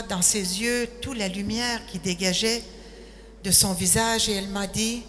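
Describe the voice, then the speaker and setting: Telling her personal faith story at an easy pace, this older Québécoise from Quebec City, Canada, frequently opens lines with "alors". She has a mid-range voice, and the hall is echoey with faint noise.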